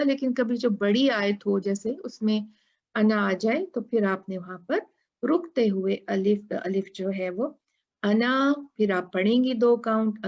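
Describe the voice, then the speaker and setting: A woman teaching a tajweed lesson who explains patiently, asks her students questions and chants Quran verses in a drawn-out style. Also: on the high side, creaky, darkish tone, highs cut off.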